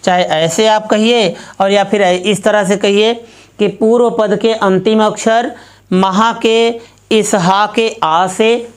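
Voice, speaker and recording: A woman gives a Sanskrit grammar lesson at an unhurried, very slow pace, breaking every example into small steps. Her pitch sits in a middle range, and she keeps restating each point so it sinks in. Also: fairly even intonation, clear, resonant tone. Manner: slow, methodical, repeats each step. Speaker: Sanskrit teacher.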